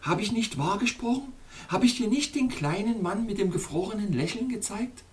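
A man doing a high, eager girl princess. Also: moderate pace. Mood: teasing. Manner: bright, excited, high-pitched calls. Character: young girl princess, eager and tender-hearted.

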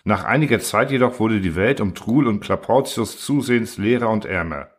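A man narrating an audiobook in a measured, even storytelling manner. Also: on the low side. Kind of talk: audiobook reading.

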